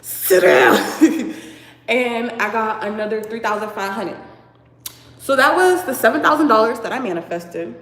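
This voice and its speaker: A young woman from Boston tells a story in a chatty, animated way, filling her sentences with likes and ums. Her voice sits slightly high for a woman. The room around her is echoey, with a long, trailing reverb. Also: moderate pace. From Boston, USA. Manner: chatty and animated, many fillers and laughs. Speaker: vlogger. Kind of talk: casual storytime.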